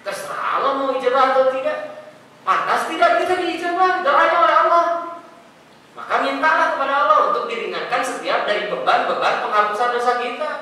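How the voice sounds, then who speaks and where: A man preaching and answering questions in a mosque, talking in a conversational, animated way. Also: very high-pitched, a little fast. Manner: conversational, animated, mixes in local words. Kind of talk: sermon with Q&A. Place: mosque hall. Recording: echoey hall from far off, faint noise.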